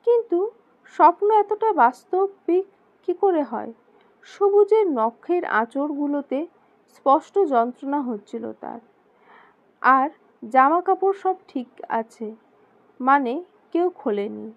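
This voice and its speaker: A woman narrating a romantic drama story in a steady, dramatic storytelling manner. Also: high-pitched, slow, pauses often. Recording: slightly dull lo-fi recording.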